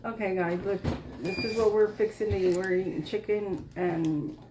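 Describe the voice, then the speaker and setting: A woman's voice: mid-range voice, moderate pace, noisy background. A woman chatting casually to a camera at a kitchen table, rambling with fillers as she hosts a mukbang vlog. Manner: relaxed, rambling with fillers, Southern phrasing. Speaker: vlog host. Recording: loud dish clatter over the voice. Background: clinking dishes and cutlery.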